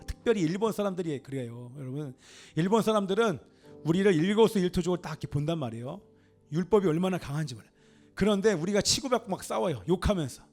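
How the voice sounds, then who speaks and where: A middle-aged male pastor preaches in a church with a high, gravelly voice. He presses his points hard and swells into fervent exclamations. Soft music plays faintly underneath. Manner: emphatic preaching, rises to exclamations and calls of amen. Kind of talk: sermon. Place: church sanctuary.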